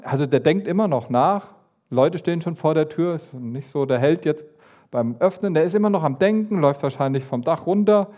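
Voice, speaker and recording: A man giving a lively sermon, retelling a Bible story and acting out the figures with sudden asides. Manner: animated, acts out voices of the story with pitch jumps and asides. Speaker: preacher.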